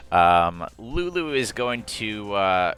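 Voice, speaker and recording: Low bright-voiced game master. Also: male voice, big pitch swings, slow pace. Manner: chatty, laughing, full of fillers. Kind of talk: running a tabletop game.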